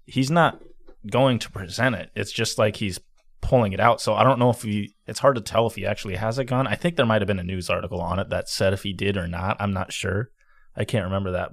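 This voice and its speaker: A man's voice: on the low side, vocal fry, no echo, studio quality. A man chatting casually as a co-host on a podcast. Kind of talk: casual chat.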